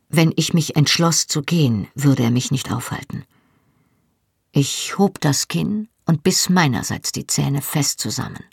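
An audiobook narrator telling a novel in the first person with steady storytelling. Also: medium pitch, husky, dry recording, clean studio sound.

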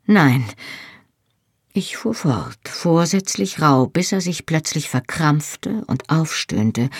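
A woman narrating a novel in the first person, in a measured and intimate storytelling manner, close to the mic. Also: low-pitched, breathy edge, dry recording. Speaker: audiobook narrator.

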